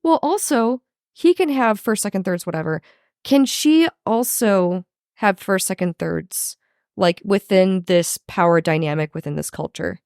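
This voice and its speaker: A woman co-hosting a podcast in casual chat, with a hoarse voice, who swears a lot and jumps up high when she gets excited. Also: a little slow, dry recording, clean studio sound. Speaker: podcast co-host.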